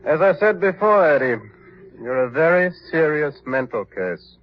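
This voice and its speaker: An actor playing a crooked asylum doctor, coolly clinical and sly, in 1940s radio acting on a dull lo-fi old broadcast. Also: male voice, a little high, expressive, moderate pace, close to an everyday voice. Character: crooked, smooth-talking male asylum doctor.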